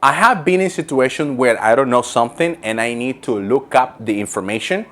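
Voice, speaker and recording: A man's voice: medium pitch, expressive, brisk, fairly bright tone. A man giving instructional talk to viewers as a call center coach, explaining things step by step with emphasis and repetition.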